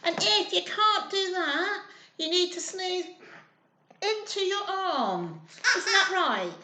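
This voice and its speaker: Her pitch is extremely high and her tone sharp as she speaks slowly and with lots of animation. She's leading storytime for little kids, reading and chatting in a simple, sing-song, encouraging way, and the indoor space echoes around her.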